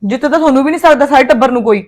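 A woman's voice: high-pitched, very fast, natural voice. An actress with a Punjabi accent playing a resentful young wife who scolds her husband in a family quarrel. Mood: scolding. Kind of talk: short film acting.

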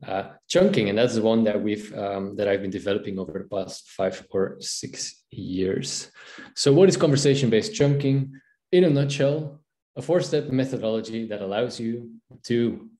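Presenting at an online conference via video call from home, this Belgian language teacher in his thirties talks about language learning in a friendly way, with many fillers and restarts. A native Dutch speaker with a Belgian Dutch accent, he has a lowish, mellow voice, and the recording picks up room echo.

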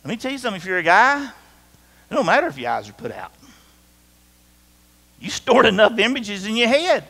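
High, bright-voiced pastor preaching in a hall. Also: male voice, huge pitch swings, moderate pace, gravelly, slightly rough. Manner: conversational, jokey, talks to the congregation directly. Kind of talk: sermon. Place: church sanctuary. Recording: reverberant church hall.

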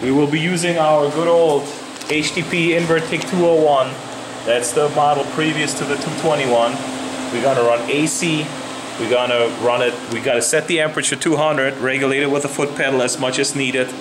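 A man's voice: a little high, steady tone, brisk, noisy background. A man in his thirties explaining a weld repair in casual, plainspoken terms, recorded in an indoor metal workshop on a camera mic. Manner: plainspoken, matter-of-fact, mildly profane. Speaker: welder demonstrating a repair. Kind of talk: casual shop instruction. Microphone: camera mic on a handheld camera.

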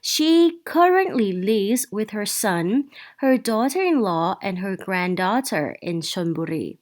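A woman English teacher who reads a short story aloud slowly, then explains it in polite, chatty Thai. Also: mid-range voice. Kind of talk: reading aloud and explaining a lesson.

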